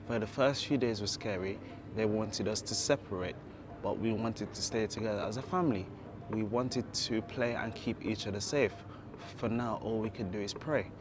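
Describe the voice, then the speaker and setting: A man's voice: on the low side, moderate pace, background noise. A young man performing spoken word poetry in a rhythmic, rhyming recitation. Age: young adult.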